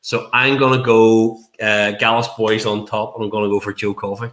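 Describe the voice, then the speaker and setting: A man's voice: lowish voice, level tone, normal speed, a bit bright. A Northern Irish man speaking as a podcast guest in a casual wrestling discussion. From Northern Ireland. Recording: echoey room.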